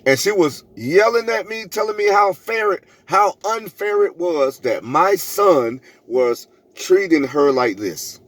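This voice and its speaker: A middle-aged man's high, slightly bright voice, with lively intonation, moves at a measured pace with few pauses. Vlogging a personal story, he preaches emphatically, repeats phrases for effect and acts out both sides of arguments.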